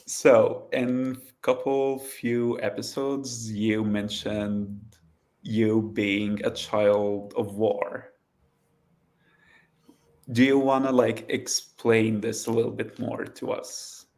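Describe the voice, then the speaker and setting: A man interviewing casually, asking brief questions with soft murmurs of agreement. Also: fairly low pitch, little pitch movement, takes it slowly. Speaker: podcast interviewer.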